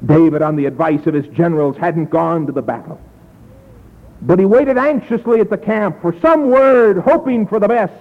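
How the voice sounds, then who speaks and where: A man preaching an evangelistic sermon, telling the story dramatically and dropping from loud to hushed. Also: high voice, normal speed. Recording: tinny lo-fi echoey hall.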